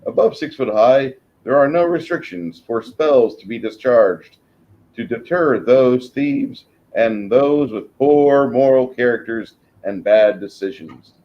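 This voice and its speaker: A man's voice: mid-range voice, measured pace, lightly acted. Tabletop game guardian: man as a pompous enchanted talking mouth, formal and declamatory, on a dull recording. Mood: formal warning. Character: booming magical mouth guarding a wizard's gate, pompous.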